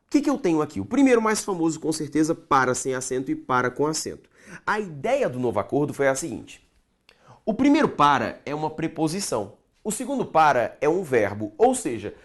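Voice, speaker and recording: A man's voice: a little high, very animated, brisk. A man teaching a grammar lesson, stretching key words and checking in with the viewer.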